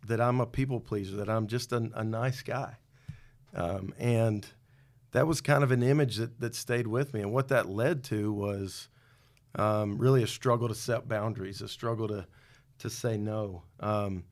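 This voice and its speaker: A middle-aged man, a podcast guest, telling his own story in a candid, reflective way with some self-deprecating humor. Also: on the low side. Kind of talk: personal testimony in a podcast interview.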